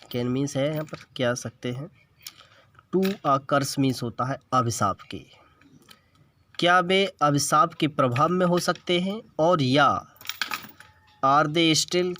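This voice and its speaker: Slow, patient Indian teacher explaining text. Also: male voice, fairly high pitch, fairly bright tone, slight background noise. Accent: Indian English. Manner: slow, patient, reads English lines then explains word by word. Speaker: English teacher. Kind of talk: bilingual classroom lesson explaining an English text.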